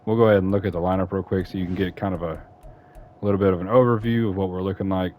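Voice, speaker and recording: A man's voice: low voice, fairly even intonation, racing, darkish tone, slight background noise. A man casually talking through a football franchise game, rambling and correcting himself as he goes. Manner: rambling, self-correcting, chatty. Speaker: gaming YouTuber. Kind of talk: casual franchise-mode commentary.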